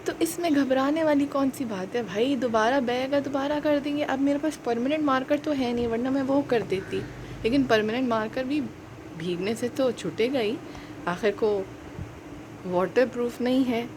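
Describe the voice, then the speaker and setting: Woman playing a calm, soft-spoken mother, gently advising. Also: high-pitched, normal speed, background noise, natural voice. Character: calm, kind mother figure.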